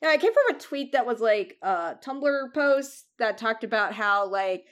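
A woman co-hosting a podcast in casual chat, rambling and cutting herself off with quick asides. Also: a little high, very animated, a bit bright. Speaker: podcast co-host.

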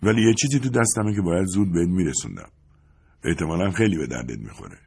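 A man's voice: sits low, lively intonation, gravelly, darkish tone, breathy edge, full character voice. A man voicing a smug, mocking male neighbor who taunts with a sneer in a story reading. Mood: taunting. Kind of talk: audiobook character voice.

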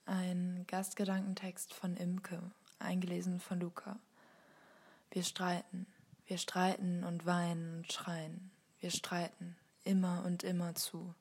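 A woman reading a personal essay aloud in a soft, measured voice that often drops to a whisper. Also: on the low side, monotone, slightly rough. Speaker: reader of a guest text.

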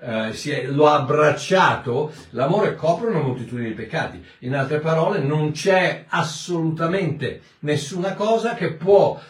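A man's voice: a little high, animated, unhurried, few pauses. A man teaching from the Bible in a sermon, explaining verses in a conversational, emphatic way. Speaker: preacher. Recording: echoey room, mic at a distance.

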